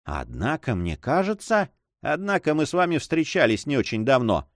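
A man's voice: mid-range voice, big pitch swings, moderate pace, dry recording, studio quality, voice pushed up, lightly acted. A man voicing a confident French adventurer who teases with a smirk in his tone. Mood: mocking. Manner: teasing, self-assured. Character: mocking confident French adventurer, adult male.

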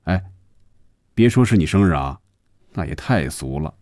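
A man voicing an impatient but softhearted young man who talks in a brisk, teasing, casual way, in a storybook radio reading. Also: sits low, expressive, no room sound, clean studio sound.

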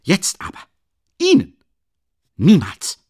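A man reading an audiobook, voicing a pompous, offended middle-aged gentleman who speaks haughtily and indignantly. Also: medium pitch, big pitch swings, moderate pace, slightly rough, dry recording, studio quality, pitched above the performer's own voice.

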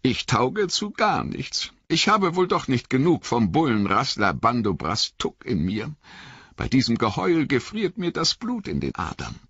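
Guy doing a squeaky scared little hobbit, wobbly and high, dull dry recording. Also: huge pitch swings, measured pace, a bit bright, breathy edge, dry recording, heavily acted. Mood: fearful, miserable. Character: timid fearful young male hobbit.

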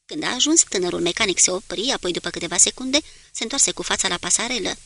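A woman narrates a naval war story as an audiobook, her delivery steady and measured. Her voice is bright and forward, sitting at an ordinary pitch for a woman. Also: vocal fry.

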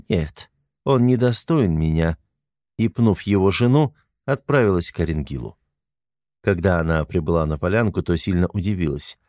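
Low-voiced man narrating an audiobook. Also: no room sound, studio quality. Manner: even, unhurried storytelling. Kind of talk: scripted narration.

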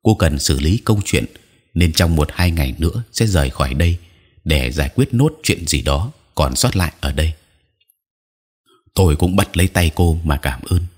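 A man reading a first-person audiobook story in a steady, somber storytelling manner. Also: very deep voice, normal speed, husky. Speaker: audiobook narrator.

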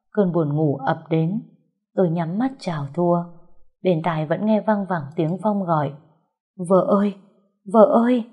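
Woman, first-person audio story narration, low voice, husky, earnest. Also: mellow.

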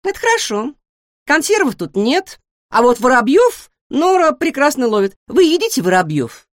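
A woman doing a squeaky, excitable little guinea pig. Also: no room sound, studio quality. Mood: chattering. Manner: rapid-fire questions, excitable and squealing. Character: chatty nosy young female guinea pig. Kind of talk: storybook reading.

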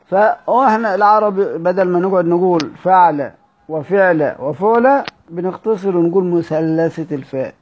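Egyptian male teacher, fairly high voice, quizzes himself aloud, slow chanted quotes, brisk asides. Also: a little mellow, slight background noise. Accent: Egyptian Arabic. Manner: drawn-out chanting of quoted verse, quick asides; asks and answers his own questions. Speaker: teacher explaining a classical Arabic text. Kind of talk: colloquial Egyptian lesson mixing classical quotations.

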